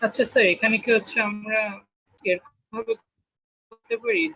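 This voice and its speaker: A man's voice: sits high, very animated, normal speed, creaky, sharp tone, husky. A male student asking a question in an online class, his voice breaking up over a choppy call connection and his speech hesitant. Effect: choppy, breaking-up online call audio. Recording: dull lo-fi online call audio.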